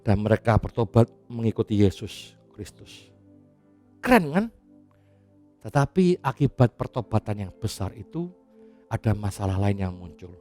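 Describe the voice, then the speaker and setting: A man preaching a sermon as pastor, in a chatty, animated way with casual asides and frequent laughs. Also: lowish voice, normal speed, pauses often, soft background music.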